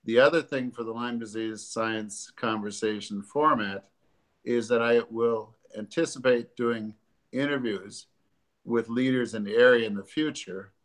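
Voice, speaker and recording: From his living room sofa, a male doctor hosts a casual educational live stream, captured by a webcam or laptop camera at desk distance. Allergies leave his medium-pitched voice a little congested. He hesitates frequently, filling gaps with ums and uhs.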